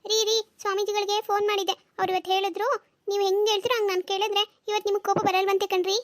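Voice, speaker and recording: A devoted, chatty middle-aged wife from a comedy cartoon. She talks eagerly, very high and fast. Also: level tone.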